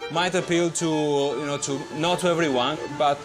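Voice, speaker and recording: An Italian chef from Venice, a man speaking halting, repetitive English with an Italian accent in casual kitchen chat. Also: fairly high pitch, fairly even intonation, music in the background. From Venice, Italy. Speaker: restaurant chef. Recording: busy crowd noise behind.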